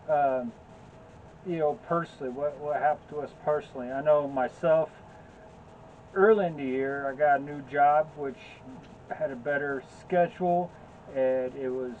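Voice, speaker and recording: A man's voice: mid-range voice, phone-quality sound, a little hiss or hum. A man co-hosting in a laid-back, joking, rambling way, chatting about his year. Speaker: co-host. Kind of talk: casual chat.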